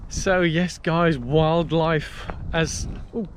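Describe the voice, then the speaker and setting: This British vlogger speaks extremely slowly in a fairly high voice with fairly even intonation, telling chatty stories as he walks a canal path for his casual walk-and-talk vlog. Faint outdoor ambience and traffic noise accompany him.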